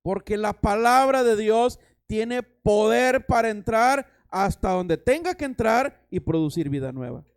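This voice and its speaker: High-voiced preacher, animated. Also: male voice, a little slow, gravelly, few pauses, smooth. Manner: dramatic preaching, acts out voices and anecdotes. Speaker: pastor. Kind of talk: sermon.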